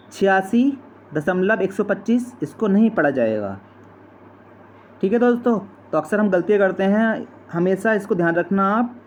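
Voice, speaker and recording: A man's voice: sits high, darkish tone. A man teaching a slide-based maths lesson, patient and repetitive, often addressing viewers as friends. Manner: patient, repeats steps and keeps addressing friends. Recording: dull lo-fi sound with faint noise.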